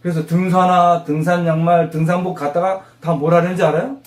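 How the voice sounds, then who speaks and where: A man teaching English vocabulary to a class of mothers, animated, quizzing them and drilling repetition. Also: high-pitched, brisk. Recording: roomy classroom echo.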